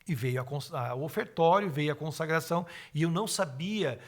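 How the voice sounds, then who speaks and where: A man's voice: a little high, fairly quick. A middle-aged man, telling his personal testimony as a podcast guest and acting out the words of the people in it. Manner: animated, acts out his own and others' words.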